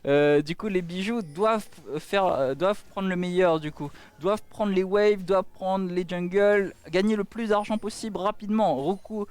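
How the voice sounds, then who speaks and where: A man casting an esports match with excitement. His voice sits high and comes through smooth and crisp. He punctuates the play-by-play with repeated exclamations. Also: moderate pace, few pauses. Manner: exclamatory, with repeated cries of dismay and amazement. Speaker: esports caster.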